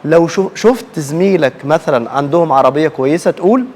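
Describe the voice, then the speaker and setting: Brief: fast-talking Egyptian woman, children's religious teacher, quizzes the class and echoes answers, faint room noise. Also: low-pitched, lively intonation, mellow. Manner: asks questions and repeats the answers back. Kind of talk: call-and-response classroom lesson.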